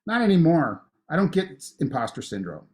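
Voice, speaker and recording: A man's voice: on the high side, big pitch swings, a little fast, a little mellow. A man reading the lines of a blunt, encouraging older female graduate student. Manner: firm, encouraging, matter-of-fact.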